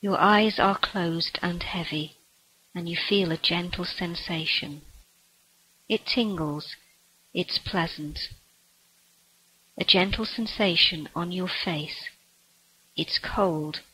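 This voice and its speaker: A woman guiding a relaxation meditation in a soft, breathy voice that sometimes drops to a whisper. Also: on the low side, poor audio. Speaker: meditation guide.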